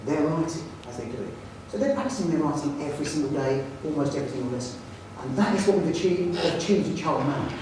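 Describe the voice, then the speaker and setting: Jokey headteacher in an echoey hall. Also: male voice, a little high, fast talker, hardly any pauses, noisy background. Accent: London English. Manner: jokey storyteller, animated, self-mocking. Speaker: headteacher giving a talk. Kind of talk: anecdotal presentation to an audience. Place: large hall with audience. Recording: echoey hall, speaker far from mic.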